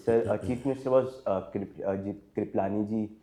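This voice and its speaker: This interview candidate, a man in his twenties with an Indian English accent, has a lowish, dark voice with a steady tone and a slightly quick pace. He responds formally but hesitantly, using many fillers, deferring politely and saying "sir" frequently.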